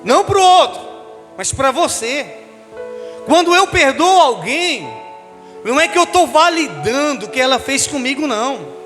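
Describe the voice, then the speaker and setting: A man's voice: very high-pitched, very animated, a little slow, fairly bright tone, big-room sound, soft background music. A man, a bishop, preaching a sermon, calling the congregation "querido" and leading them in call-and-response. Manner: addresses listeners as "querido", leads call-and-response.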